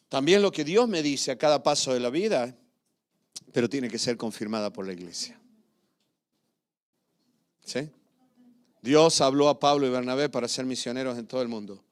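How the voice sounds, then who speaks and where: A man preaching a sermon as pastor, swinging from loud emphatic declarations to hushed asides. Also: mid-range voice. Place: church.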